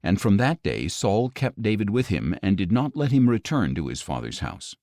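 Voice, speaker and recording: A man with a lowish voice narrates scripture like an audiobook reader, measured and expressive in his storytelling. The studio-quality recording has no echo.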